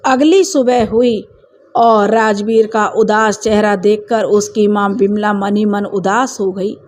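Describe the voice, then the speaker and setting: A woman storyteller hosting her own channel, reading a family story aloud in a steady, expressive way. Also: medium pitch, slow pace. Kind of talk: scripted story narration.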